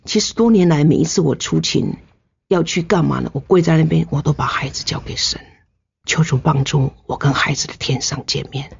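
A woman's voice: low-pitched, a little fast, creaky, husky. An older woman with a Taiwanese Mandarin accent, a nurse telling her story in an earnest, emotional interview. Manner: earnest, emotional storytelling with sentence-final particles. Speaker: nurse, guest. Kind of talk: personal testimony in an interview. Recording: slightly muffled recording.

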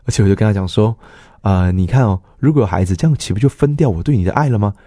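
A man's voice: on the low side, animated, very fast, mellow, dry recording, studio quality. A middle-aged man, a pastor earnestly telling his personal testimony and acting out the dialogue he quotes.

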